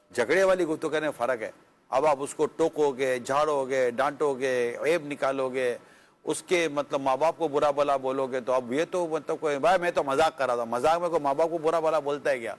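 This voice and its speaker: Earnest man giving religious advice. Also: mid-range voice. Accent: Pakistani Urdu. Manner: earnest, conversational, with pious formulas and rhetorical questions. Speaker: religious scholar answering questions.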